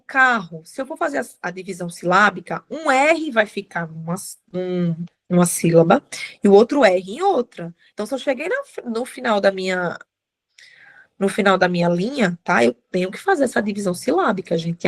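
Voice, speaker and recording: A woman's voice: on the high side, gravelly. A woman teaching a writing class live, chatty, often checking in with students. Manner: chatty, addresses students as gente, many tag questions.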